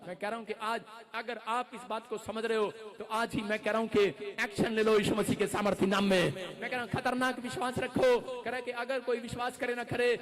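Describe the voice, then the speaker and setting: A male pastor preaching a fervent sermon, moving between storytelling and shouting. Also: very high voice, little pitch movement, fairly quick. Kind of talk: Pentecostal sermon. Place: church service. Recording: live church recording with crowd noise. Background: congregation audible.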